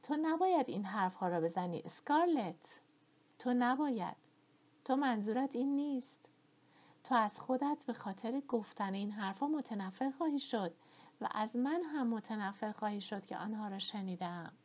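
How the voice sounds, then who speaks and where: A woman voicing a gentle young gentleman, earnest and kind, with a breathy, slightly muffled voice. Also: fairly high pitch, lively intonation.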